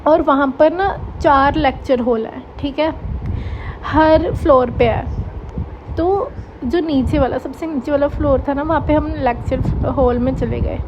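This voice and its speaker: A young woman telling a college story in a casual storytime, chatty and animated, acting out the dialogue. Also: high voice, unhurried, muffled recording, noisy background. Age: young adult.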